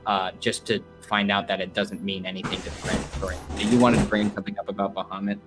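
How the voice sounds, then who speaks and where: A man's voice: on the low side, flat delivery, fast talker, over music. A man co-hosting a casual stream chat, rambling with lots of fillers. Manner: rambling, heavy use of "like". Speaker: stream co-host.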